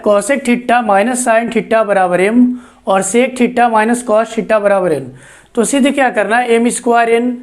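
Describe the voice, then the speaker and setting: A man teaching math, explaining a proof step by step. He talks patiently and keeps checking with the students as he goes. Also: extremely high pitch. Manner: patient, repeats checks like "see" and "okay".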